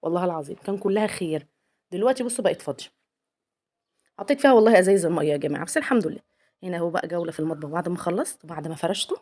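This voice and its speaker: A woman's voice: fairly low pitch, lively intonation, very fast, warm tone. A young woman with an Egyptian accent, chatting with viewers in a home vlog while she cleans her apartment, laughing often. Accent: Egyptian Arabic. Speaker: home vlogger, mother.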